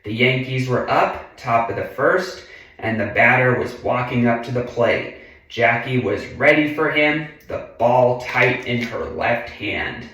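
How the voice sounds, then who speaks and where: Reading a children's picture book out loud, an adult man speaks slowly and with deliberation in a medium-pitched, fairly bright voice. He drops in chatty, casual asides and murmurs mm-hmm often, and the mic sits far away in a very echoey room.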